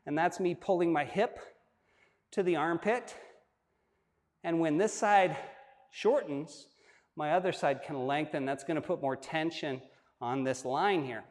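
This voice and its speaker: Male yoga teacher, slightly raised pitch, laid-back and joking, recorded with a long room echo. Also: measured pace, long pauses. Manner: relaxed, joking asides while demonstrating. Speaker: yoga instructor. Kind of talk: guided yoga class instruction. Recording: long hall-like reverb.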